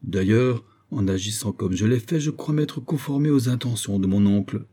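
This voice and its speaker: A man's voice: lowish voice, normal speed, mellow, lightly acted. A man reading the part of a firm, self-assured young colonel in an audiobook, speaking earnestly and persuasively.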